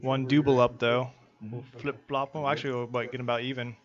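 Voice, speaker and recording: A man's voice: mid-range voice, level tone, brisk. A man commentating a live poker stream, bantering and joking with viewers between hands. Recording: slightly dull stream audio, faint hiss.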